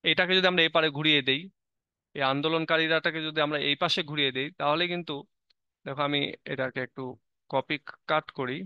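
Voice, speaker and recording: A man teaching an online grammar lecture, explaining step by step with rhetorical questions and frequent pauses mid-phrase. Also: on the high side, fairly even intonation, clear, resonant tone, no echo, muffled recording. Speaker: English teacher.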